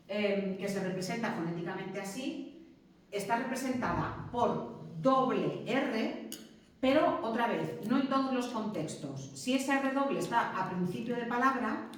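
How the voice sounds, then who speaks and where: A woman teacher giving a classroom lecture, explaining step by step and checking in with "¿mm?" and "¿sí?". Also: a little high. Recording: very echoey classroom, mic far off.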